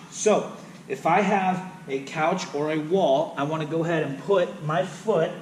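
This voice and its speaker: A man leads a home workout lesson, talking through each exercise and counting reps while he demonstrates. His voice sits a little high for a man. He is recorded from a distance in a roomy gym with faint background noise. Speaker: fitness trainer. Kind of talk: instructional workout video. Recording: echoey room, voice from off-mic.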